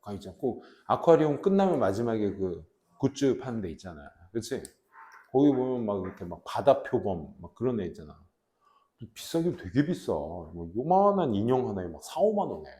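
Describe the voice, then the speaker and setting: A man in his forties teaching a high school English class in a casual, joking way, reading English slowly and translating it. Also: big pitch swings, dark tone, reverberant. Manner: chatty, jokes with students, asks them questions; reads English slowly, then translates into Korean.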